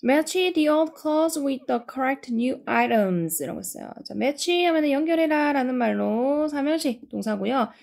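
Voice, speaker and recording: A woman teaching English grammar with a slightly raised pitch and a gravelly edge. She explains each sentence step by step and slows right down for the English lines. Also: lively intonation, a little mellow. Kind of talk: grammar lesson.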